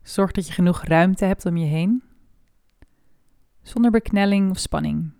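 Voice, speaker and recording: Calm woman guiding a body scan. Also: lowish voice, gravelly, dry recording, clean studio sound. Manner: slow, soft and calm with long pauses. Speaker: meditation guide. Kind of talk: guided body scan meditation.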